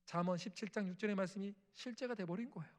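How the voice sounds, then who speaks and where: A man's voice: high voice, fast, darkish tone. A middle-aged male missionary preaching an emotional testimony sermon in a church, acting out family dialogue and prayers. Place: church sanctuary.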